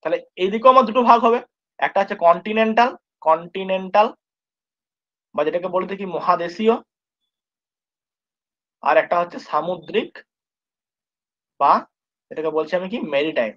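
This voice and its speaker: A man's voice: sits high, fairly quick, pauses often, bright, forceful tone. A male tutor giving an exam-prep geography lesson, informal with his students, repeating points and constantly checking they follow. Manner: informal, addresses students familiarly. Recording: dull lo-fi recording.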